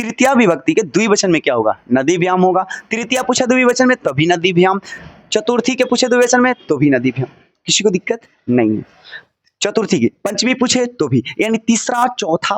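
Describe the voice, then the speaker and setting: Lively man drilling students in a lesson. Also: high-pitched, dry recording. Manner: lively, drills repeated forms, asks students to repeat. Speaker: teacher. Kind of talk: recorded classroom lesson.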